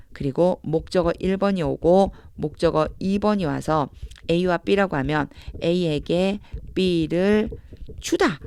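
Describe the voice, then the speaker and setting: A woman teaching English grammar through Bible verses, explaining each step patiently and reading the English phrases slowly. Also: on the low side, darkish tone, dry recording.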